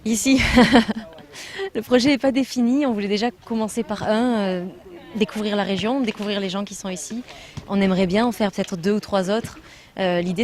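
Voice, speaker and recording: Answering interview questions, a woman from France who's a trainer with a building foundation explains things earnestly and hesitates often. She speaks in a mid-range voice that's a little mellow.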